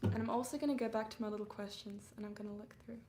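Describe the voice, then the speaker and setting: A young woman from England, a singer-songwriter on a music livestream, talks rapid-fire at a medium pitch with fairly even intonation. The sound is reverberant with background noise. Her English-Canadian accent and slightly under-the-weather voice come through as she chats, giggles and uses lots of fillers.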